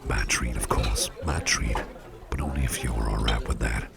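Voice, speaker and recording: In a soft-spoken ASMR roleplay, a man plays a suave devilish businessman boss who dotes fondly on the listener, murmuring courteous thanks at an unhurried, courtly pace and repeating phrases in appreciation. His voice rumbles low and drops into gravelly whispers, while the murmur of a party crowd creates heavy background noise.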